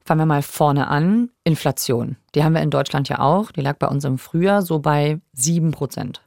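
A woman host asking brisk questions and reacting briefly in an interview. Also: low-pitched, gravelly, a little mellow, no room sound, studio quality. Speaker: podcast host.

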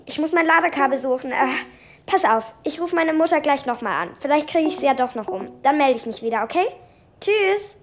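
An actress voicing a grumpy, quick-witted schoolgirl in a children's radio play, with dry, sceptical retorts. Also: high-pitched, expressive, a little hiss or hum. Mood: flustered.

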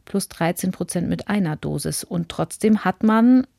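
A woman's voice: fairly low pitch, lively intonation, moderate pace, creaky, warm tone, dry recording, studio quality. A woman hosting a podcast interview, setting context before asking probing questions. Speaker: podcast host.

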